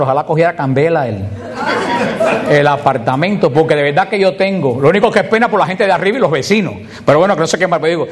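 Man teaching on prayer. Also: high-pitched. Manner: asks the audience questions and answers them himself. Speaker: preacher.

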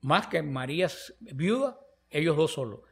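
A man's voice: a little high, a little slow, vocal fry. A man teaching on the Bible in a conversational talk, telling stories and acting out the dialogue. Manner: animated storytelling, acting out quoted dialogue. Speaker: preacher.

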